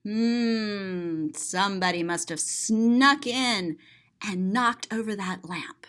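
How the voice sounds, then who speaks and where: Reading aloud to children, this storyteller, author and teacher speaks expressively with simple explanatory asides and dramatic gasps. Her voice is medium in pitch and a bit bright, and she takes it slowly.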